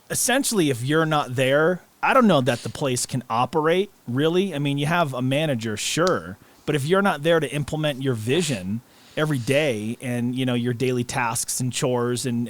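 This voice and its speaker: A man co-hosting a podcast, chatting casually in an earnest, storytelling way. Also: mid-range voice. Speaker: podcast co-host.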